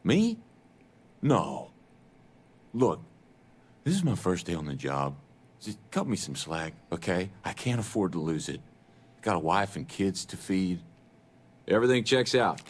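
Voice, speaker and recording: A man's voice: sits low, sing-song, unhurried, pauses often, exaggerated voice. A man playing a nervous, hesitant new archive clerk in a video game, politely flustered and eager to please. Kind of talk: video game character dialogue.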